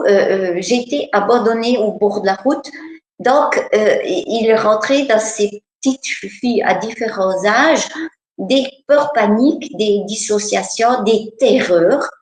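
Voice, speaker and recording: A woman's voice: mid-range voice, roomy sound, rough recording. A woman giving a personal testimony, speaking hesitantly with many filler sounds.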